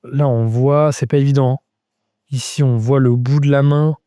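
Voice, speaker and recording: A man leads a live drawing lesson, thinking aloud as he sketches and breaking off to answer viewers in a casual way. His voice is mellow and relaxed, recorded dry with no room sound. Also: mid-range voice, normal speed, clean tone, no room sound. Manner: thinks aloud while drawing, explaining step by step. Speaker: drawing teacher.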